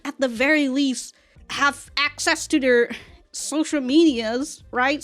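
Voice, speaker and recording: Over music, a high-voiced woman hosting a reaction video rambles casually about an anime episode. She's animated, laughs through her remarks, and swears.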